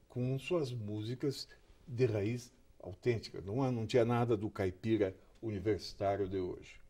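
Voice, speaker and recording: In a TV studio interview, an older male journalist from Curitiba, Brazil, unhurriedly shares memories, repeating words and pausing as they come back to him. His voice is husky and mellow with a fairly low pitch.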